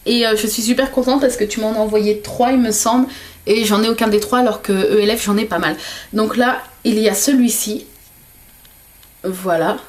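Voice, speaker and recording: A woman's voice: medium pitch, steady tone, moderate pace. A woman vlogger chatting casually while unboxing gifts, hesitant and full of fillers. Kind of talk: casual gift unboxing vlog.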